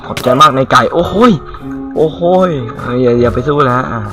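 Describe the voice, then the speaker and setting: A man's voice: mid-range voice, brisk, music in the background. A man giving casual, self-mocking let's-play commentary, talking to his viewers as he plays and swearing offhandedly. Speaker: gameplay commentator.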